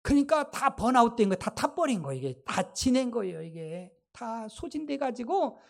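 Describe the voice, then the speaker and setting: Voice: mid-range voice, very animated, normal speed, creaky. A pastor preaching a sermon with emphatic delivery, putting rhetorical questions to the congregation and calling out exclamations.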